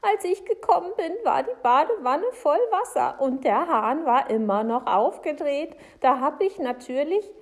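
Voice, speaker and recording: A woman's voice: high-pitched, expressive, a little slow, few pauses, pitched above the performer's own voice. A woman doing a fretful old housekeeper. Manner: anxious, repetitive muttering.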